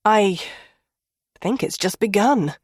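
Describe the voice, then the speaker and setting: Actress voices a wry young woman; husky, lively pitch, dry booth sound. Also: slow pace, no echo. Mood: quiet. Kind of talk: audiobook character voicing.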